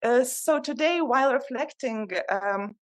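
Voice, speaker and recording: Higher-pitched woman giving a halting podium speech. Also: no echo. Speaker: European agency project officer giving a welcome address.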